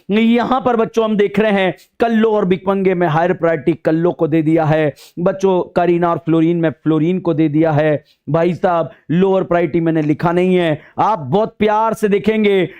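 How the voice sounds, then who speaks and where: A man teaching a chemistry lecture in a playful, sing-song way, teasing his students and slowly stretching out key words on his phrases. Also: high voice, darkish tone. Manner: addresses students with teasing nicknames.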